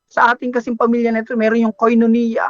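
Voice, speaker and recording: A man preaching a sermon, telling stories in an animated way and slipping into English phrases. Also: very high-pitched, fast talker, no echo, highs cut off. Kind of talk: Filipino sermon.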